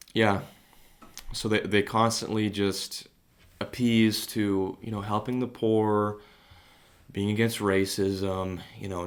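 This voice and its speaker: A young man talking alone on his podcast, in a somewhat low voice. He wanders through his thoughts with lots of fillers and restarts. He stays earnest and grows heated on his points. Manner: rambling and hesitant, many fillers. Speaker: podcast host. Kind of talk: solo podcast monologue.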